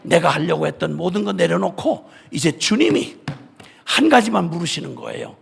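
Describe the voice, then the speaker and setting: A male missionary preacher giving an impassioned sermon at a revival meeting, often shouting, with a gravelly, husky voice. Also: on the high side, big pitch swings, normal speed.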